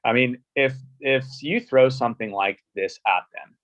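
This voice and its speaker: A man's voice: medium pitch, normal speed, no room sound, dull audio. A man speaking as a guest on a casual webinar over a video call, conversational and acting out other people's objections. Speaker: guest panelist.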